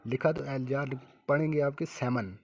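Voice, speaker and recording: A man's voice: medium pitch, lively intonation, normal speed, a little hiss or hum. Man, teacher, classroom-style lesson, repeats each word, asks and answers his own questions. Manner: repeats words and asks questions then answers them himself; ends phrases with a checking "okay". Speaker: English teacher.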